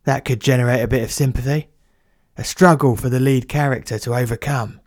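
A man's voice: medium pitch, fairly even intonation, fairly quick, a little mellow, dry recording, natural voice. A man doing a cheeky plumber, blunt and matey, tossing out slang with a grin in his voice. The sound is bone-dry and close to the mic, like a small studio booth. It is a comic audio story. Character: cheeky working-class male plumber, blunt.

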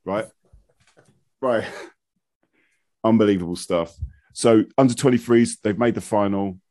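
A man from England hosts a casual podcast chat. His voice sits very low. He teases and banters with the others, and the sound is dry and close. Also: a little slow, warm tone, no room sound. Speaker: podcast host.

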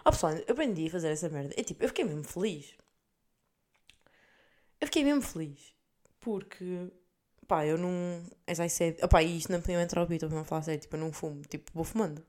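A woman's voice: on the low side, racing, a little mellow. A woman in her twenties with a European Portuguese accent, hosting a podcast and telling stories in a chatty way, swearing freely and mixing in English words. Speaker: podcast host. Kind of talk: casual monologue, storytelling.

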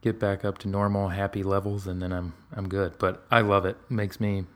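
A man's voice: low voice, level tone, a little fast, a bit bright. A man talking candidly in a casual conversation, rambling with fillers and restarts.

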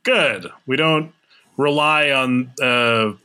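A man's voice: mid-range voice, takes it slowly, bright, forceful tone, clear, resonant tone. A man hosting a casual podcast chat over a remote call, joking and flustered by tech trouble. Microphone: remote call recording.

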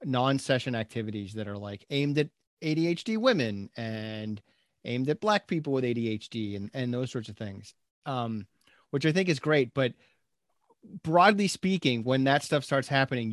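Male podcast voice, mid pitch, dry sound, thoughtful and self-deprecating. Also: animated, normal speed, no echo. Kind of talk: casual conversational chat.

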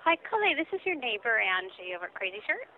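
A woman's voice: on the high side, very animated, fast talker. Puzzled woman heard over the phone. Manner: polite, puzzled, asks questions. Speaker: store manager. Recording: muffled phone line.

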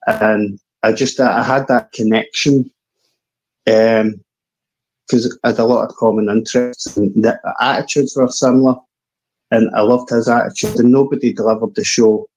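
A man's voice: fairly low pitch, darkish tone, low-quality recording. Man with a broad Scottish accent. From Scotland. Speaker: call-in guest. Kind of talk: casual reminiscing.

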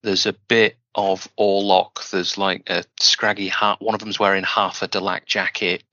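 Man, wry co-host, low voice, dull recording. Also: little pitch movement, measured pace, pushed and bright. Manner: dry, wry joker. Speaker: podcast co-host. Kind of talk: casual chat. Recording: dull lo-fi sound.

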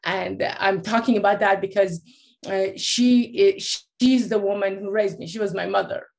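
This guest is a life coach in her late thirties who came from Iran. She tells her own story in an unhurried, gravelly, mid-range voice with a darkish tone, restarting frequently and leaning on fillers.

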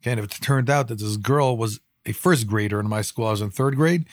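A man of about fifty from Israel, a podcast co-host, telling personal stories casually and haltingly. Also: on the low side, no echo. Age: around 50. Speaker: podcast co-host and emergency responder.

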